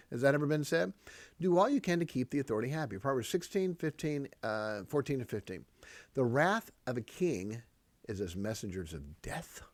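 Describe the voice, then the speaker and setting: A man's voice: a little high, no room sound. A man hosting a parenting podcast, teaching proverbs in an emphatic, repetitive way and chuckling often. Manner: emphatic, repeats key phrases, chuckles often. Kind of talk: preachy parenting talk on proverbs.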